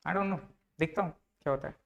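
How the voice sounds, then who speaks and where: A man's voice: a little high, moderate pace, creaky, muffled recording. Mixing young male tutor. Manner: conversational, addresses students as "sir", repeats figures. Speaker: tax tutor. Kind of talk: online lecture, working through a problem.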